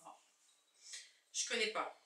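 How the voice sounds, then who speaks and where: A woman's voice: slow, sharp tone. A woman chatting casually through a makeup tutorial, thinking aloud as she shows each product. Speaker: makeup vlogger. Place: indoors at home, husband filming. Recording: echoey room from far off.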